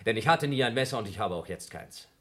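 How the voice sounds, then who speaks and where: An actor in a radio play playing a paranoid scientist who coldly accuses his crewmate and then rises to shouts. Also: medium pitch, animated, quick pace, close to an everyday voice. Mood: cold accusing. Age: younger than Mills. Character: Blob, paranoid scientist man feuding with crewmate. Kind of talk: German radio play acting.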